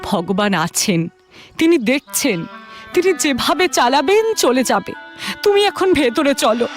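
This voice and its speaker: A woman voicing a poor farmer's steadfast, reassuring wife in a cartoon, coaxing gently but firmly. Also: high voice, sing-song, a little slow, faint music behind. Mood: gently resolute. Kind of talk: cartoon dialogue.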